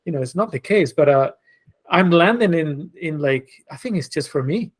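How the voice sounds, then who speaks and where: A Spanish man in his forties, a native Spanish speaker, talks about his path as a designer and creative director while guesting on a casual podcast. His voice is a little high, expressive and slightly rough, at a normal speed. He's reflective and loose, with many fillers and restarts.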